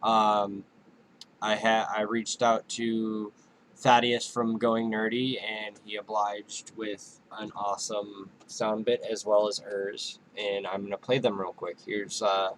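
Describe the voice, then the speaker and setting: A man's voice: lowish voice, level tone, takes it slowly, slight background noise, low-quality recording. A man co-hosting a podcast in casual chat, easygoing and agreeable. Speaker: podcast co-host.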